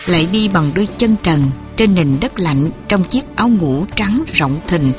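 A woman narrating a story in a soft, measured and dramatic reading. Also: on the low side.

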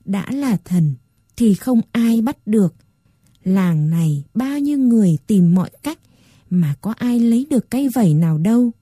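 A woman voicing a stern, wise old grandmother with a soft, weary manner. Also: mid-range voice, animated, normal speed, slightly rough, no room sound, studio quality.

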